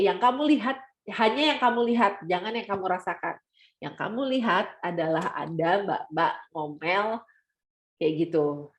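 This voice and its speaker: A woman mentoring students online, explaining with lively acted-out examples. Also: medium pitch, roomy sound. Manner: animated, acts out scenes with quoted voices.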